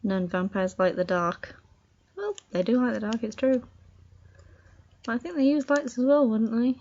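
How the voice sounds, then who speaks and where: A woman chatting casually in a home video while she has the hiccups, reading jokes aloud haltingly and laughing at her own slips. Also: fairly high pitch, darkish tone. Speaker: vlogger. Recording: dull lo-fi home recording.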